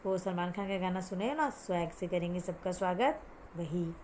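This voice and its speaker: Lady teacher going over hard words with kids, asks then answers herself, says them slow and careful, bit of noise behind. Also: fairly low pitch, a little mellow. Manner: mixes English words into Hindi, asks and answers her own questions; calls pupils "beta", has them repeat words after her. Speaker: school Hindi teacher. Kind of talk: explaining vocabulary to children.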